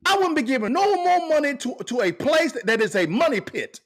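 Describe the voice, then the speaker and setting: A male podcast host delivering impassioned commentary in a high voice. His pitch leaps and dips constantly. He circles back to the same pointed questions again and again. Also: very animated, brisk, a bit bright.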